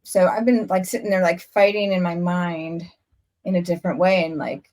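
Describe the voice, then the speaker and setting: A woman's voice: fairly low pitch, steady tone, normal speed, darkish tone. A woman hosting a casual podcast conversation, talking earnestly in long rambling stretches with frequent restarts. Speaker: podcast host. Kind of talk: casual chat.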